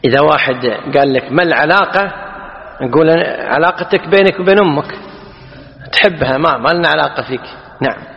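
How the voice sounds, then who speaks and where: A man teaching a class on a classical text. He explains slowly, repeats key words and quizzes his listeners. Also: fairly high pitch. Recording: dull, echoey hall.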